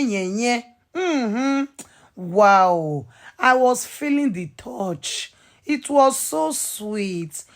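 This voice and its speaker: A woman voicing a sly young maid who taunts in a sing-song, mocking way. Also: fairly high pitch.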